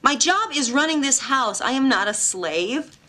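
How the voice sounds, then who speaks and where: A woman's voice: high-pitched, expressive, sharp tone, heavily acted. A harried, dutiful mother. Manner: hurried, defensive. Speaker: mother, homemaker.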